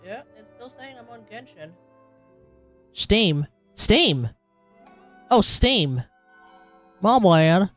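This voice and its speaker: A young Australian adult streams a game, rambling, musing and talking with his audience, punctuated by sudden loud bursts. He speaks at medium pitch in a sing-song way, drawing out words and leaving long pauses, with soft music in the background.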